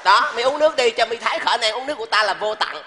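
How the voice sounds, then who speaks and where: A man's voice: very high-pitched, expressive, rapid-fire, crowd noise. An actor playing a stern, hot-tempered old village father, barking orders in a live stage comedy sketch. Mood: mocking. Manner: bossy, barking orders, mocking. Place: large theater stage. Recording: live stage, long hall reverb, faint noise.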